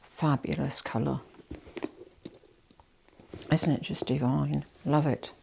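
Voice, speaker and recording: Her low, gravelly voice holds a steady tone as she takes things slowly, and a little hiss or hum runs under the audio. The speaker is a vlogger showing her handbags while fighting a head cold, nasal and rambling, full of "you know" asides and soft near-whispers.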